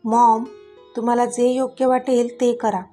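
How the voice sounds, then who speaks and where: An angry young husband in a storybook tale, as a woman narrator puts him on. His lines are curt and sharp, with a slightly high pitch. Faint music runs underneath. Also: little pitch movement, unhurried, natural voice.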